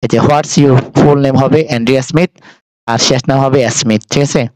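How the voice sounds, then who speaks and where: A man's voice: mid-range voice, steady tone, brisk, darkish tone, no room sound, poor audio. A man with a Bangladeshi accent teaching a textbook English lesson, explaining phrases in Bengali with frequent hesitations.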